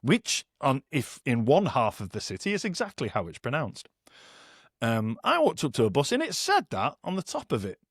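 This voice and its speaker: A man's voice: medium pitch, huge pitch swings, normal speed, husky, no echo, clean studio sound. A middle-aged man, hosting a podcast and telling jokey stories with a laugh. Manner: jokey storytelling, laughs at his own stories. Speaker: podcast host. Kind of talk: casual chat.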